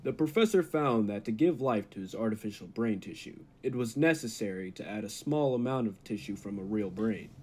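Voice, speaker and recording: An actor playing a grave, calculating laboratory assistant in an old-time radio drama, speaking formally with a husky voice. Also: male voice, fairly low pitch, animated, brisk, few pauses, warm tone, a little hiss or hum, natural voice. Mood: calm, businesslike.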